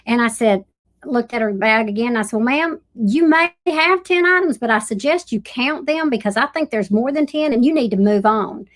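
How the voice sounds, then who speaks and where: Middle-aged Southern woman co-host with a slightly high voice, a lively storyteller who acts out the other people in her tales. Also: normal speed. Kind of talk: casual chat on a live stream.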